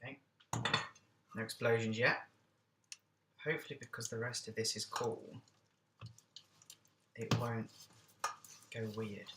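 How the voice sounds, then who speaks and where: A man's voice: mid-range voice, steady tone, measured pace, pauses often, roomy sound, very noisy. A man hosting a casual cooking vlog, chatting along with jokey, self-deprecating asides.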